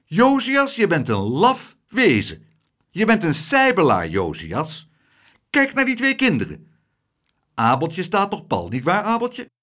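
A man voicing a fussy, strict old spinster schoolteacher in an audiobook, with a high, scolding tone. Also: huge pitch swings, a little slow, bright, forceful tone, heavily acted. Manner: shrill scolding tone.

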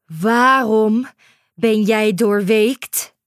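A woman's voice: on the high side, very slow, dry recording, studio quality. A woman voicing a practical, protective island mother who scolds sharply in a storybook reading. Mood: stern.

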